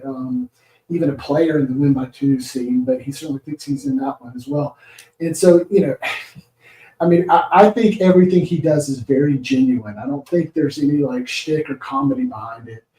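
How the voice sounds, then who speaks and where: A man's voice: a little high, mellow. Wry man in an echoey room. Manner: wry, hedging, critical commentary. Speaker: podcast guest. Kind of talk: casual podcast chat.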